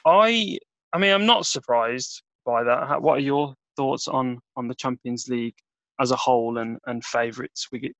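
A man hosting a casual football podcast, relaxed and hesitant with many fillers. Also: mid-range voice, normal speed, no echo, low-quality recording. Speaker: podcast host.

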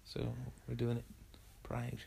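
A woman co-hosting a casual film review chat, narrating the scenes with relaxed, dry asides. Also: a bass voice, slow, gravelly, crowd noise. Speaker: podcast co-host.

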